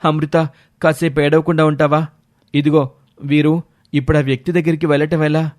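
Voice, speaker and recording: A man voicing a brave, loyal young man in an animated storybook, calling out urgently and speaking with determination. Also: a little high, normal speed, no room sound, studio quality, close to an everyday voice. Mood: resolute.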